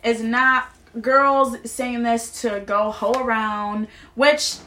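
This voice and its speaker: A woman's voice: a little high, fairly even intonation, slow pace, pushed and bright, slight background noise. A woman co-hosting a podcast, ranting passionately in casual chat with swearing. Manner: passionate, preachy rants, swears. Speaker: podcast co-host.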